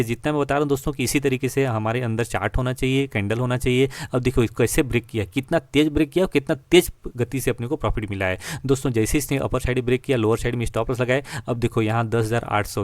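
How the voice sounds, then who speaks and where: A man's voice: mid-range voice, no room sound. Guy walking thru stock charts on screen, keeps saying friends, repeats stuff, dry close mic. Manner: repetitive, addresses viewers as friends. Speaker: stock trading teacher. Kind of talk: screen-share chart tutorial.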